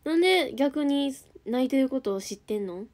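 A woman's voice: high voice, expressive, normal speed, a little mellow. Chatty young woman with a Kansai accent. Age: young adult. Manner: chatty, reads viewer comments aloud and answers them. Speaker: idol group member streaming live. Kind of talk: casual livestream chat.

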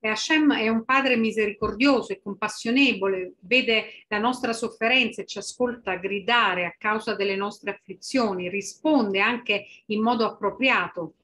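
A woman's voice: mid-range voice, normal speed, hardly any pauses, fairly bright tone, a little hiss or hum. A woman interpreting a sermon phrase by phrase, with small restarts.

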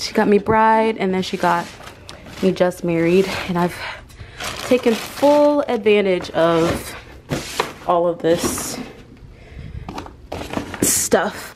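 A young adult woman vlogs casually to a handheld or tripod camera, thinking aloud as she tidies small rooms at home like the closet, bedroom, and bathroom. Her voice is medium-pitched and slightly mellow. Background noise and handling clicks are clearly audible.

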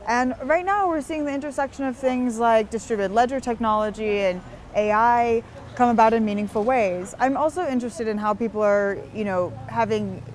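A woman's voice: fairly high pitch, moderate pace, darkish tone, a little hiss or hum. A young woman being interviewed outdoors on a busy street, talking earnestly and at length, with frequent restarts. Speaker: interview guest.

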